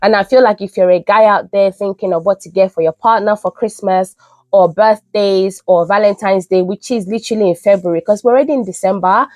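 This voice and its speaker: Recorded at home in the UK with no echo, this casual product review vlog features a young beauty vlogger whose cold makes her sound nasal. She talks enthusiastically at a medium pitch, a little fast, with a slightly mellow tone.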